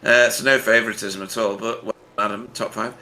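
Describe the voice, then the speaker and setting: A man's voice: on the low side, steady tone, fairly quick, vocal fry, sharp tone. A man commentating on a sim race, chatty and jokey, reading out results with frequent laughs.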